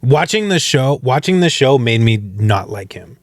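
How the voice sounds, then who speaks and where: A man's voice: medium pitch, big pitch swings, unhurried, dry recording. A man hosting a podcast, talking in an easygoing way with rambling asides. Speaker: podcast host. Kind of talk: casual chat.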